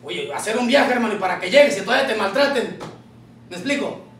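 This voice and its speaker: A male pastor preaching a fervent, shouting sermon and calling out to the congregation in a church hall. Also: sits high, lively intonation, quick pace, slight background noise. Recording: echoey church from far off.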